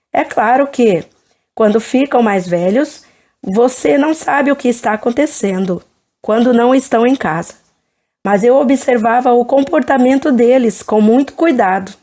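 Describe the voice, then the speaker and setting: Mulher de voz escura e calma. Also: female voice, on the high side. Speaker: host.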